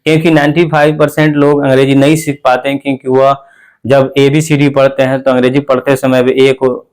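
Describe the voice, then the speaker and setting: A man's voice: medium pitch, flat delivery, fairly quick, darkish tone, clear, resonant tone. A man teaching a lesson, explaining letter by letter and asking rhetorical questions. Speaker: English teacher. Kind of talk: classroom-style spoken lesson.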